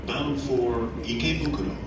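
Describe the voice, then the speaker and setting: A man giving a formal, measured train station announcement over a platform loudspeaker. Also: mid-range voice, far from the mic, over a noisy crowd. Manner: measured, formal, even delivery. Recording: echoey loudspeaker heard from afar over loud platform noise.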